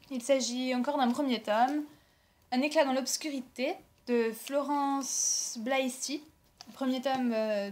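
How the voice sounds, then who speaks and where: A woman's voice: fairly high pitch, darkish tone, a little hiss or hum. A young woman from France chatting casually about books she received and bought, rambling with lots of fillers and self-corrections. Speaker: book blogger. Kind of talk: casual book haul vlog.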